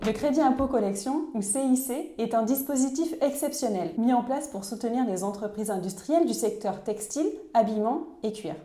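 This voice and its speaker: A woman reading a scripted voice-over explainer in a clear, measured, instructive way. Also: fairly high pitch, warm tone, reverberant. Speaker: narrator of a tax explainer video.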